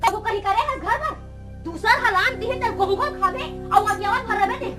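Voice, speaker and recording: A woman's voice: very high voice, normal speed. A woman with a Chhattisgarhi accent acting a sarcastic, scolding wife in a comedy sketch. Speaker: comic actress playing a quarrelling wife. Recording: loud background music.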